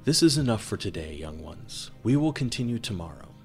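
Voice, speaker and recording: Man voicing a gentle Jedi master. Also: lowish voice, big pitch swings, faint music behind. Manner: gentle, slow and soothing. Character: kindly male Jedi master comforting children.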